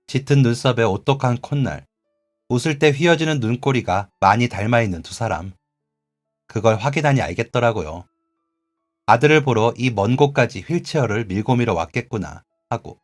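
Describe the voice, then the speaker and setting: A man voicing an earnest, gentle male café regular who pleads sincerely, read as a radio drama. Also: medium pitch, natural voice.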